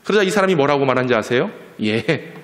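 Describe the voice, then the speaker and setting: A man's voice: a little high, expressive, moderate pace, a bit bright. A man in his forties preaching a sermon, telling stories and acting out quarrels in quoted voices. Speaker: pastor. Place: church sanctuary. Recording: echoey church hall.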